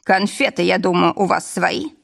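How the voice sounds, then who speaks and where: A woman's voice: fairly low pitch, lively intonation, normal speed, gravelly, fairly bright tone, exaggerated voice. A woman reading an audiobook voices a stern former police officer who speaks firmly and curtly. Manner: firm, commanding, curt.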